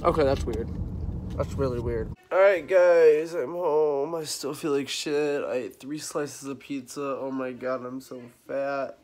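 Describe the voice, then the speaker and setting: A man's voice: medium pitch, a little slow, darkish tone. A young man with a head cold vlogging casually, rambling and swearing as he talks, at times from a car. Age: young adult. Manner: rambling, exclamatory, swears freely. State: sick with a head cold, congested. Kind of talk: casual day-in-the-life vlog. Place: in a car, later at home. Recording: noisy car background.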